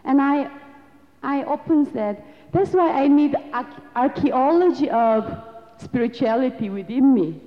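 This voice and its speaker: Her intonation is lively as this Korean-accented woman lectures in earnest, reflective non-native English, her voice a bit high and her delivery slow and deliberate. The audience setting comes through as dull audio with a long hall reverb.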